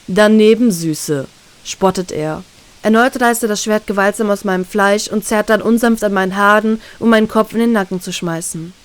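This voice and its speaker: A woman narrating a first-person fan-fiction story in a calm, even storytelling way. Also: mid-range voice, no echo. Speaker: reader, narrator.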